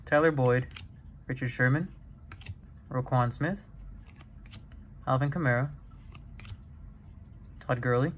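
A young man casually vlogging a card break, reading out player names and getting excited over good pulls. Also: mid-range voice, slow, long pauses, a little hiss or hum. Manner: excitable, chatty, reads player names off cards one by one. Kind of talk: casual card-opening vlog.

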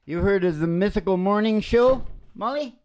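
In a small, dim room walled in wood panels, an older man runs a music radio show, his high-pitched, somewhat mellow voice moving at an ordinary pace. Up close to his stand microphone, he trades wry, rambling jokes and laughs under his breath frequently.

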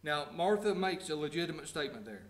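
A man preaching a sermon. He reads scripture slowly, then explains it in plain everyday words and asks the congregation direct questions. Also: on the high side, lively intonation, echoey room. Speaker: pastor. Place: church sanctuary.

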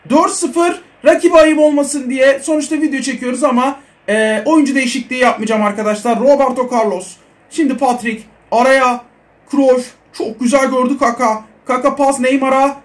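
A young man giving casual, excitable commentary over a mobile football game, chatting to his viewers. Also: very high voice, normal speed. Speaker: mobile football gaming creator.

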